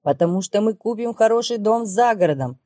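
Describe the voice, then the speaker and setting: A woman's voice: mid-range voice, lively intonation, fairly quick, warm tone, no echo, studio quality, voice pushed up, lightly acted. A woman voicing an emotional, exclaiming man in an audiobook. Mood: jubilant. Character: excited man, a reformed businessman.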